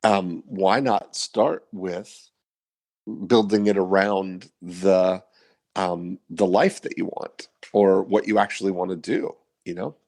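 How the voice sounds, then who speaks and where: A man in his fifties hosts a podcast conversation in a low, unhurried voice. He talks in a reflective, rambling way, full of fillers and restarts. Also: darkish tone. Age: 50s. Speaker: podcast host. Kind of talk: casual interview chat.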